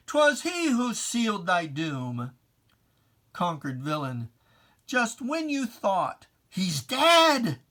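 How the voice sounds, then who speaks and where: A dramatic poetry reader with a medium pitch and fairly bright tone declaims a scripted poem, addressing a foe directly. The delivery is unhurried, theatrical, solemn, and emphatic, with weighty, deliberate pauses and archaic, preacherly diction.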